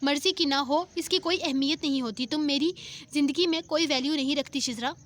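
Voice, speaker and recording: A woman's voice: high-pitched, brisk, a bit bright. Woman reading as an angry, cold young husband. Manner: harsh, scolding.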